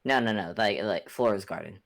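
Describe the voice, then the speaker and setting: A woman playing a tabletop game in character, excitable and stumbling over her words. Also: rumbling low, fairly quick, creaky. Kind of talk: in-character tabletop role-play.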